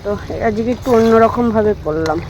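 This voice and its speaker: A woman's voice: fairly high pitch, fairly quick. A woman chatting casually as she cooks on a rooftop in the hot sun, sweaty and repeating herself as she talks. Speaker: cooking vlogger. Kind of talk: casual cooking vlog chat. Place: rooftop, outdoors.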